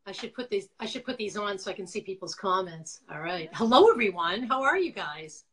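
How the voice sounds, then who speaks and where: A woman's voice: mid-range voice, animated, fairly quick, a bit bright. A talkative middle-aged woman with a Boston accent, chatting casually as an interview guest and telling her own story. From Quincy, Massachusetts, USA. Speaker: interview guest, former nonprofit founder. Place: indoors, on a video call.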